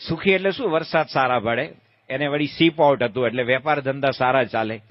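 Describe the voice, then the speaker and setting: A man giving a humorous sermon as a monk, telling a folksy story and acting out shouted calls and quoted voices. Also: mid-range voice, fairly quick, dry recording, dull audio. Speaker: monk giving a religious discourse.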